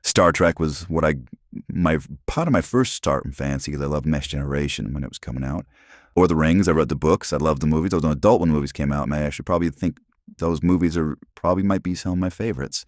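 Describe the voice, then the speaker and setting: A man's voice: quick pace, no room sound, clean studio sound. A man in his forties from Arizona, talking through a voice changer, rambling casually with many restarts into a phone. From Arizona, USA. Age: 40s. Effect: voice changer, pitched very deep. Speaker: channel host.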